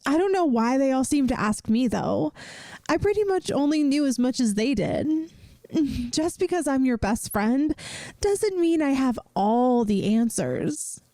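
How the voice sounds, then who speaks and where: In a soft-spoken ASMR roleplay, a woman plays a caring young best friend, gentle and earnest, sometimes hesitant as she offers reassurance. Her voice is high-pitched and animated, a little slow, with no echo. She sounds concerned and teasing.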